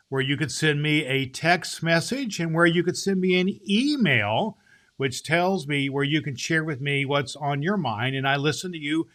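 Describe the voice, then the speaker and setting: Kindly old Santa, acted by a man, children's storyteller and host, slow, halting, explanatory. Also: a little high, a bit bright. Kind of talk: children's show presenting and story reading.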